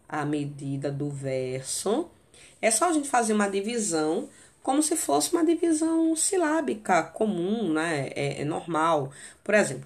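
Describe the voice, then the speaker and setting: A woman with a Brazilian Portuguese accent teaching a literature lesson, explaining step by step and checking in with short tag questions. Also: on the low side. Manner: reads verse aloud with emphasis. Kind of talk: recorded video lesson.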